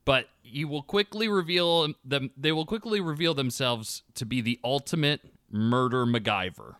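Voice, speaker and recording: A man's voice: mid-range voice, normal speed, a bit bright, dry recording, clean studio sound. A man hosting a casual game podcast, talking in an upbeat, loose way. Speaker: podcast host.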